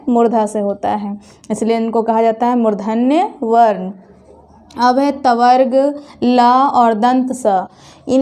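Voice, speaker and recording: A woman teacher explaining step by step, asking questions and answering them herself, and slowing down to sound things out carefully. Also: a little high, dark tone. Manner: slows to drawn-out, careful pronunciation of sounds. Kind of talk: classroom lesson.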